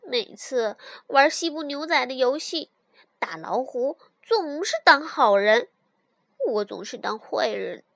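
A woman telling a children's story in the first person, in an expressive, sighing way. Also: high voice, takes it slowly, vocal fry, dry recording, clean studio sound.

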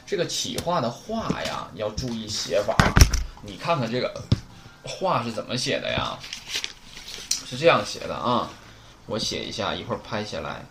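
Lively chatty male language teacher. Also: lowish voice, moderate pace, gravelly, music in the background. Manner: lively, chatty, teasing asides. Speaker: Japanese teacher. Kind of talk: vocabulary lesson.

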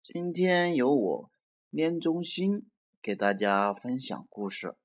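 A storyteller reading a children's picture book aloud, animated and acting out the characters. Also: mid-range voice, slow.

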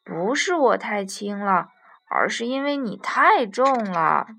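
A woman voicing a friendly little puppy who talks in a slow, stubborn way in a storybook. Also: medium pitch, sing-song, gravelly, bright, forceful tone, voice pushed down, heavily acted.

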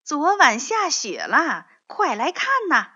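Woman doing a young boy rabbit, storybook figure, eager and exclaiming, high swooping voice. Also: sing-song, measured pace, sharp tone, heavily acted. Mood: excited. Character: excitable young male rabbit. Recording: dull lo-fi recording.

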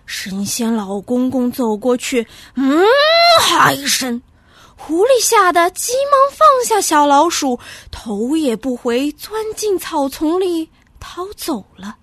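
A woman narrating a children's story with an expressive, sing-song delivery. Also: sits high, slow pace, dry recording.

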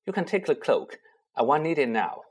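A man voicing a brave schoolboy who speaks quietly and urgently. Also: fairly high pitch, very animated, normal speed, slightly rough. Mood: hushed. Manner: hushed, urgent. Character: brave young schoolboy leader, steady and tense.

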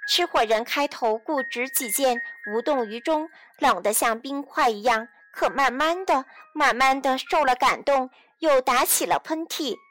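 A woman's voice: sits high, measured pace, hardly any pauses, fairly bright tone, faint music behind. A woman narrating a children's audio storybook, speaking directly to young listeners.

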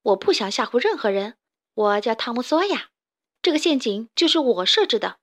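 A woman's voice: fairly high pitch, very animated, moderate pace, a bit bright. A woman storyteller voicing a friendly, cheerful young boy who lives in the forest. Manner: friendly, upbeat.

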